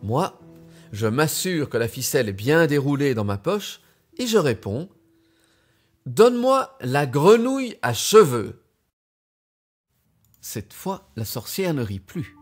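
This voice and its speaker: A man reading a children's tale aloud with expressive, deliberate delivery. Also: mid-range voice, breathy edge, soft background music. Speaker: storyteller.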